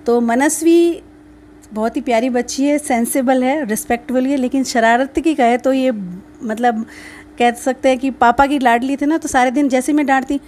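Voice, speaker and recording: A middle-aged woman from Rajasthan, a mother chatting in an interview, telling lively stories about her daughter. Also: sits high, normal speed, a little hiss or hum. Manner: chatty, animated storytelling with voiced quotes. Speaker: mother of a young dancer. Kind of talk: casual interview.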